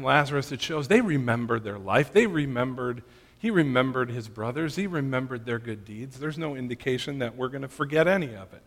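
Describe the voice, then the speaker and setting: Man, pastor, earnest sermon, mid-pitched voice, long reverb from a hall. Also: fairly bright tone. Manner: earnest, checks in with "okay?".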